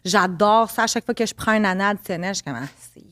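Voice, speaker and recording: A woman's voice: medium pitch, racing, a bit bright. A woman in her mid-thirties with a Québécois French accent, an enthusiastic podcast guest who mixes in English phrases. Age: 30s. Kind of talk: casual chat.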